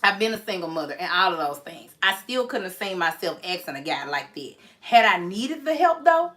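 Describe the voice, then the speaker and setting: Woman, host, bright voice, laughing and teasing. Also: fairly low pitch, brisk. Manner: laughing, teasing, animated storytelling. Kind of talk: casual chat.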